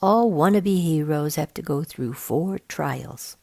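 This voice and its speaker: Woman voicing brisk, husky Spider-Woman, a storybook guide. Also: low-pitched, expressive, dark tone, heavily acted. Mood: matter-of-fact. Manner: matter-of-fact, cheerful.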